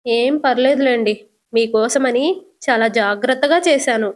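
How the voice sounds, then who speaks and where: A woman's voice: fairly high pitch, normal speed, close to an everyday voice. A woman voicing a fussy, doting middle-aged mother-in-law who coaxes and scolds her family to eat her cooking. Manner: coaxing, scolding.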